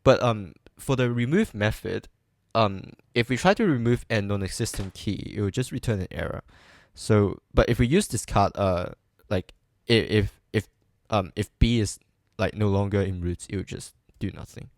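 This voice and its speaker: A man with a low, gravelly voice works through a coding problem aloud at an unhurried pace. He hesitates often and makes light fun of his own mistakes, and the dry recording has no room sound. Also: dry recording. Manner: hesitant, full of ums and restarts, self-deprecating. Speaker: coding streamer. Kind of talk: thinking aloud while live coding.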